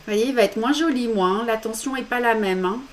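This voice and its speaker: A woman's voice: a little high, brisk, a little hiss or hum. A woman with a French accent giving step-by-step embroidery instructions during a live demonstration, with small self-deprecating asides. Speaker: embroidery teacher.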